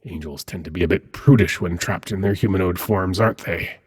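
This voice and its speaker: Playful and coaxing, a man whispers much of his demon-prince ASMR roleplay in a low, husky, breathy tone. The delivery is slow and smooth, flirtatious yet faintly threatening.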